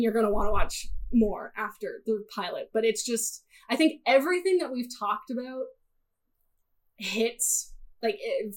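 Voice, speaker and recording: Woman, podcast guest, high-ish voice, chatty, quick to laugh, casual talk. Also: poor audio. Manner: laughs easily, chatty, many fillers. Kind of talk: casual chat.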